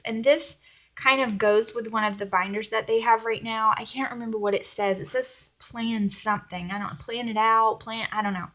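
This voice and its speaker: Woman, Southern Alabama accent, medium pitch, casual vlog chat, rambling, self-effacing. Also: a bit bright. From Alabama, United States. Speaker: vlogger. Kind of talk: casual planner video chat.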